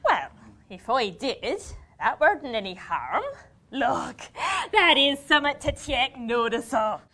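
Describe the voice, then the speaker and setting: A woman's voice: fairly high pitch, big pitch swings, sharp tone, full character voice. A woman playing a teasing young girl, reciting a dialect verse dialogue with a playful, scolding manner. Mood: protesting. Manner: playful, scolding, quick to laugh. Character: young country girl sweetheart, pert and teasing.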